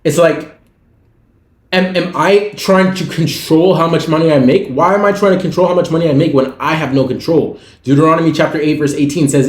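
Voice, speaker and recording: A man's voice: on the high side, a little mellow, echoey room. A man telling a personal story to camera in a rambling, faith-filled way. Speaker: vlogger. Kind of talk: casual storytelling monologue.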